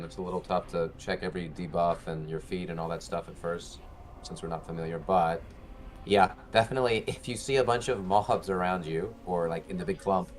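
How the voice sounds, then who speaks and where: A man in a game raid giving quick, easygoing advice over voice chat. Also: low-pitched, slight background noise. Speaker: raid member. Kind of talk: casual voice chat.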